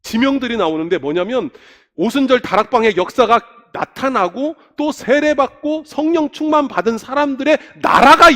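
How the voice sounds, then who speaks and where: A man's voice: high voice, sharp tone. A middle-aged male pastor preaching a sermon in a church, talking conversationally and often asking the congregation questions. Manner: asks the congregation frequent questions. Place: church sanctuary. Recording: long reverb of a church sanctuary.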